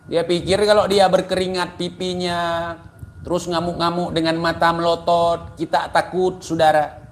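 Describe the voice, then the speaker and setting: A man's voice: fairly high pitch, little pitch movement, moderate pace, slight background noise. A man giving a ranting, taunting commentary, mocking and insulting his target.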